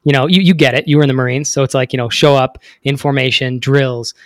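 A man's voice: mid-range voice, steady tone, quick pace, dry recording, clean studio sound. A man in his thirties telling his story as a podcast guest, rambling with many fillers. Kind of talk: casual interview talk.

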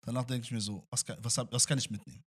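A man's voice: medium pitch, fairly even intonation, rapid-fire. A man with a French accent, hosting a podcast, talking reflectively and casually with frequent "you know" fillers. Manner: reflective, many fillers like "weißt du". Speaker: podcast host. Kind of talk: casual chat.

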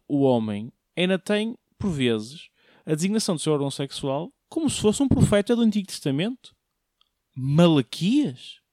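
A young comedian from Portugal, speaking at medium pitch with a slightly mellow tone, hosts a solo show of slangy, jokey monologue and often puts questions to listeners. The recording is dry and clean, studio grade.

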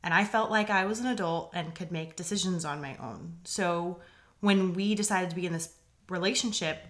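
A woman's voice: on the low side, normal speed. A woman in her twenties, a podcast guest, talking earnestly and reflectively about her relationship. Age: 20s. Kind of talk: casual interview chat.

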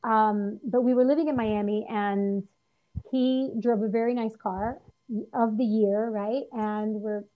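Female interview guest, earnest, animated storyteller, restarts often; slightly dull lo-fi recording. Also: fairly high pitch, measured pace. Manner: earnest, lively, frequent restarts and fillers. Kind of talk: personal storytelling in conversation.

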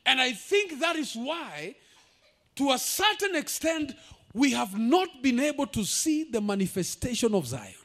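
High-voiced pastor preaching emphatically. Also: male voice, sing-song, measured pace. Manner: emphatic preaching, rising to shouts, drops into Swahili asides. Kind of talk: sermon.

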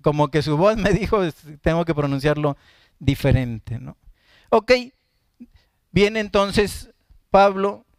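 A man preaching a live-streamed Bible study sermon in a fairly high, smooth, clear voice. He reads scripture verses and then explains them at an unhurried pace, correcting himself in asides. The sound is dry and close, with almost no room echo. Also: lively intonation.

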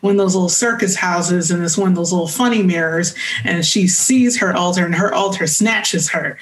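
A woman's voice: on the low side, moderate pace. A woman co-hosting a podcast in casual chat, with a matter-of-fact, explaining manner. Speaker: podcast co-host.

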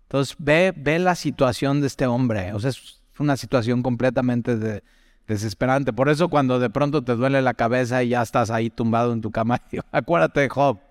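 A man's voice: medium pitch, moderate pace, dry recording, clean studio sound, in a large hall. A man teaching from the Bible in a chatty way, putting direct questions to the listener and telling personal stories.

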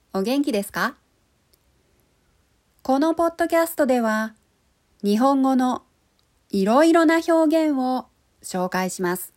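A woman Japanese language coach hosting a podcast, speaking each phrase slowly and clearly for listeners to repeat. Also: on the high side, darkish tone. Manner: clear, deliberate model pronunciation, repeating each phrase twice. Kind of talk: slow pronunciation lesson podcast.

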